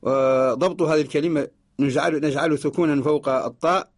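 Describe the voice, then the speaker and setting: A man from Mauritania giving a radio lesson, explaining slowly and repeating each example before chanting short verses. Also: on the high side, steady tone. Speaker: teacher of Quran orthography. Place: radio studio.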